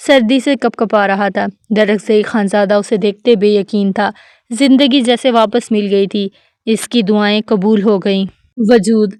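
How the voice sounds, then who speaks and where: A woman narrating a dramatic novel in a steady, even reading voice. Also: mid-range voice, no echo, clean studio sound. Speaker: novel reader. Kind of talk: scripted narration of a romance novel.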